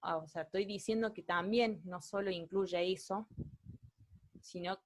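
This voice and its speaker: A young woman with an Argentine Spanish accent walks students through academic writing, pausing and restarting her sentences. Her voice sits low, and the recording is dry and close. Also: steady tone, dry recording. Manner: hesitant, self-correcting, explanatory. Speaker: student tutor leading a writing workshop. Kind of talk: online workshop explanation.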